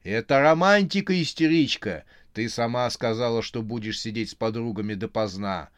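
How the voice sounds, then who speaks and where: A man voicing a startled, hot-tempered young man who shouts in exasperation. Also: medium pitch, normal speed, no echo, close to an everyday voice. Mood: angry.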